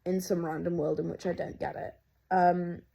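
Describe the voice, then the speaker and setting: A young woman from England chatting excitedly in a casual video diary, rambling with lots of fillers and restarts. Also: lowish voice, normal speed, gravelly, low-quality recording. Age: young adult. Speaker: vlogger.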